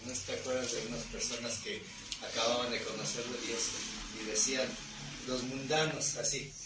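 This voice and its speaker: A man's voice: mid-range voice, steady tone, normal speed. A man taking part in a Bible class, making casual, joking remarks. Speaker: class participant. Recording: distant, echoey room with background noise.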